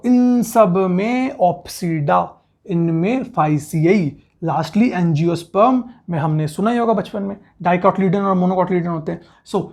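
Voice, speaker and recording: A man with a gravelly, slightly creaky voice teaches a biology lesson. He talks briskly and repeats each term so students can memorize it. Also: sits high, darkish tone. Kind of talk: classroom lecture.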